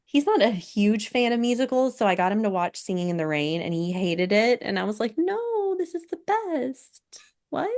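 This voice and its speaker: A woman hosting a casual podcast chat, soft-spoken and laughing often, her voice a little scratchy from being sick. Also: mid-range voice, brisk, hardly any pauses. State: recovering from illness, scratchy voice. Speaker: podcast host.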